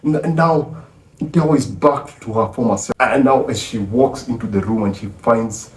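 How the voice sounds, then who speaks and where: A man reviewing a film, retelling its plot in an animated, scene-acting way. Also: medium pitch, normal speed. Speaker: movie reviewer. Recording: roomy, distant from mic.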